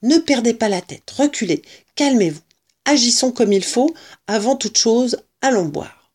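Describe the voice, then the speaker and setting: A woman's voice: on the high side, unhurried, breathy edge, pitched above the performer's own voice. Woman doing a proud clever fox father. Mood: commanding. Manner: excited, exclaiming loudly.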